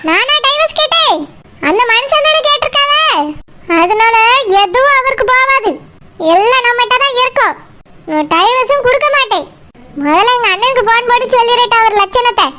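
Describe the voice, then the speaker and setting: Woman voicing a shrill tearful village mother. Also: expressive, normal speed. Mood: indignant. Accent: Tirunelveli Tamil. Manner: sobbing, pleading complaints. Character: tearful middle-aged village mother, wronged wife. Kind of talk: cartoon voice acting. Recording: loud background noise.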